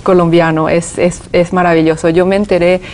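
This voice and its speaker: A woman's voice: fairly low pitch, flat delivery, a little fast, darkish tone. A woman from Paraguay, a guest singer, explaining things at length in an interview with many hesitations.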